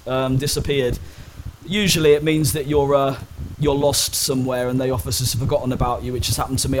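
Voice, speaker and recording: Against background noise, a young man with a medium-pitched voice shares personal stories as an interview guest. His storytelling is candid and conversational but hesitant, with many ums and restarts.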